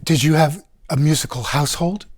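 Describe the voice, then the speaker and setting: A man's voice: fairly high pitch, brisk. A middle-aged man hosts an interview show from a small studio set. He asks friendly questions, restarts phrases now and then, and keeps things moving with brief acknowledgments. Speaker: host.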